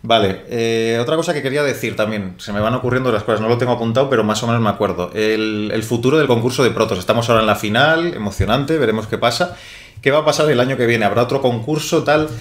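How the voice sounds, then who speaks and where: Talking fast in a mid-range voice with a roomy sound, a young man runs a board game live stream from a small studio set, speaking into a desk microphone. He sweats heavily and chats loosely, frequently restarting and correcting himself.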